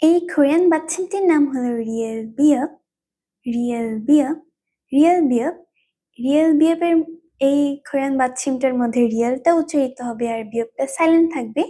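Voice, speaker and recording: A woman's voice: high voice, fast talker, dark tone. A woman teaching a language lesson, patiently explaining rules and repeating each term several times. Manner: repetitive.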